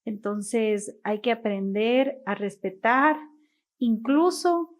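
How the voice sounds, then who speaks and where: Earnest woman, slightly high voice. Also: slow. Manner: earnest, spiritual, tells stories with quoted speech. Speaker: guest, author and mother. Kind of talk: heartfelt interview talk.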